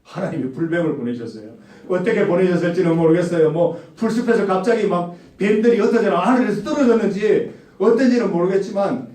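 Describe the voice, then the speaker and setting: A male pastor preaching a sermon to young adults, animated and asking the congregation direct questions. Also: high voice, fairly quick. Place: church sanctuary. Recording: echoey hall, mic some distance off.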